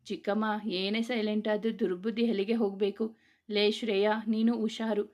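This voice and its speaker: A woman's voice: medium pitch, level tone, a little fast, a little mellow, close to an everyday voice. A woman voicing a young man who jokes and mocks his cousin. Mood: mocking. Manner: mocking, joking.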